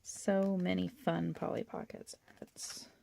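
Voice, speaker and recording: A woman hosting a toy-collecting channel, chatting and gushing through a catalog in a hoarse voice. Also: on the low side, flat delivery, slow pace, warm tone. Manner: chatty, gushing, with little laughs. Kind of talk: casual show-and-tell of a toy catalog.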